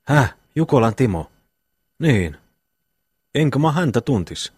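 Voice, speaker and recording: A man's voice: mid-range voice, sing-song, darkish tone, slightly rough, no room sound, studio quality, voice pushed up. A man voicing a dazed young man who speaks solemnly and ominously after a fright. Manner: solemn, prophetic talk.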